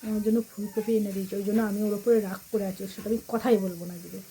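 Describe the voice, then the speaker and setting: A woman vlogging at home while cooking in the kitchen, talking softly and quietly in a casual chat with her viewers. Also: mid-range voice, steady tone, racing, slight background noise, poor audio.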